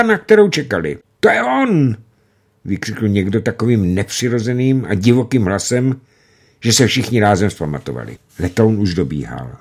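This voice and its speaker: Guy narrating a war novel, low and husky, slow dramatic pacing. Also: darkish tone. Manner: measured dramatic reading, slows for tension. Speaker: audiobook narrator.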